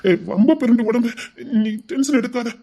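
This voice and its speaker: A woman acting out a frantic, pleading husband in a homemade drama, with a husky, high voice and a Tirunelveli Tamil accent. He keeps repeating himself. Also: a little fast, warm tone, natural voice. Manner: pleading, repeats words over and over.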